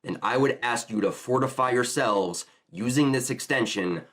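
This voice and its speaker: A man's voice: mid-range voice, moderate pace, background noise. A man making an enthusiastic, chatty reaction commentary on a manga chapter.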